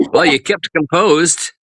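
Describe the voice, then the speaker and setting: A man's voice: on the high side, pushed and bright. A man co-hosting a live stream, riffing in goofy mock-serious banter and playful fake outrage. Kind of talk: joking improvised banter.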